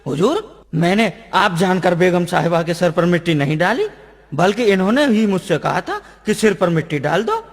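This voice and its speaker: A man's voice: sits high, very animated, moderate pace, long reverb tail, full character voice. A man voicing a bumbling, literal-minded male servant who answers earnestly. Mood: earnest excuses.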